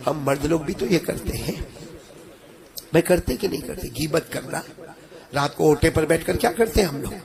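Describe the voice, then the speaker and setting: Male preacher, high voice, gravelly edge, chanting sermon, strained throat, crowd of listeners behind. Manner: impassioned, rising into chanted sing-song. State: voice a bit strained. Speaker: Islamic preacher. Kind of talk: Urdu-Hindi religious sermon. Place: religious gathering with audience.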